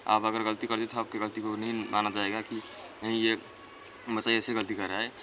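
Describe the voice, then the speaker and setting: A man's voice: on the low side, monotone, fairly quick, pushed and bright, a little hiss or hum. A teenage boy giving earnest, rambling self-improvement advice in a casual monologue. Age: teens. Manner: earnest, rambling, repeats himself.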